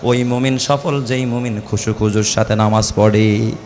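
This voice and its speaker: A man's voice: on the low side, steady tone, moderate pace, darkish tone. A man with a Bangladeshi accent delivering an impassioned Islamic waz sermon, with repeated rhetorical questions and chanted verses. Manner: impassioned, rhetorical, repetitive building phrases, chanted Quran verses. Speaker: Islamic preacher, mufti. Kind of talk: rousing waz sermon with call-and-response questions to the congregation.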